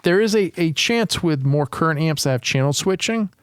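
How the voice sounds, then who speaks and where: A man's voice: a little high, lively intonation, normal speed, clean tone, no room sound. Give me a man explaining amplifier repair in a casual, rambling way, with a dry, close sound. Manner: explains in detail with frequent fillers and restarts. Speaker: guitar amplifier repair technician, podcast guest. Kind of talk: casual technical chat.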